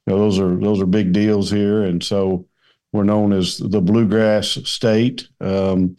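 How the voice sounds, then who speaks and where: A middle-aged man with a West Kentucky twang, chatting as a podcast guest in a folksy, halting way. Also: fairly low pitch, little pitch movement, dark tone. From Kentucky, United States. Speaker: podcast guest, men's ministry leader. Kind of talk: casual conversational interview.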